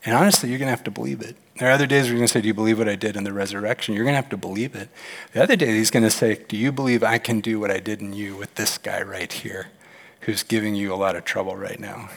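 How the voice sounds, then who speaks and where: A man preaching a sermon as a pastor, animated and telling stories, sometimes acting out the voices in them. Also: quick pace, creaky. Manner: animated, acts out quoted voices with big pitch jumps. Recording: long hall reverb.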